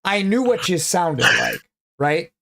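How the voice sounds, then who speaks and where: This man's high voice is creaky, pushed, and bright, very animated yet slow. As a livestream host in casual conversation, he bluntly teases his guest and swears freely.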